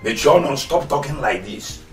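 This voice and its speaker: An actor with a Nigerian accent playing a blunt, practical village friend who scolds and brushes off worries in a Nollywood film. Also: male voice, fairly high pitch, animated, brisk, a bit bright, faint music behind. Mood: scolding. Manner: dismissive, scolding. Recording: echoey room, distant from mic.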